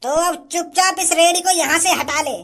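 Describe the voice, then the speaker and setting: A woman's voice: very high voice, moderate pace. A woman voicing a cocky, menacing male hired thug in a cartoon who boasts and threatens. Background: music.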